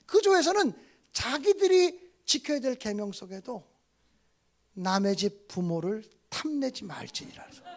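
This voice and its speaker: A man in his fifties preaches a revival sermon in a strikingly high voice. He tells family stories and acts out the dialogue, moving between loud outbursts and hushed asides. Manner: storytelling with swings from loud outbursts to soft asides. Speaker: guest pastor.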